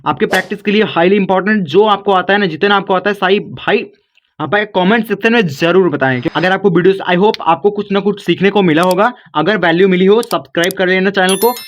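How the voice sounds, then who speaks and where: A man's voice: high-pitched, fairly quick, a little hiss or hum. A man teaching English spelling in a casual chatty way, calling viewers brother and guys.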